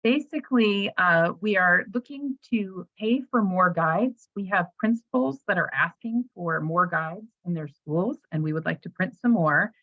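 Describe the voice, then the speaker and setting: A woman's voice: on the low side, a little slow, few pauses, no echo. A woman volunteer making an earnest appeal at an online membership meeting, her audio cutting in and out with uneven volume over a computer microphone. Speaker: parent group fundraising volunteer. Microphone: computer microphone on a video call. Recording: dull, dry lo-fi computer audio.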